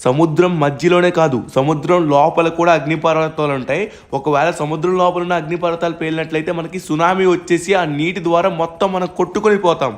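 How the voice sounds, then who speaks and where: A man hosting gameplay role-play commentary, excitable and often shouting. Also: on the high side, fast. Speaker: gaming YouTuber, host.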